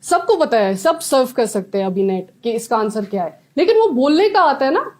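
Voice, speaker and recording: A young woman from Jammu and Kashmir giving an animated motivational talk to students about exam preparation, switching between Hindi and English mid-sentence. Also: a little high, moderate pace. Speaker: exam topper giving advice.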